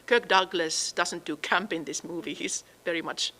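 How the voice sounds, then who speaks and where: Bright, forceful woman lecturing. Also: on the low side, normal speed. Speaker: lecturer presenting own book research. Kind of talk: academic talk, partly improvised.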